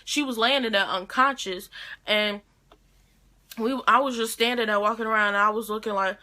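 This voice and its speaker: A woman's voice: a little high, fairly even intonation, moderate pace, pushed and bright. A teenage girl, retelling a story to her camera in a rambling, chatty way full of restarts. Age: teens. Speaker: vlogger.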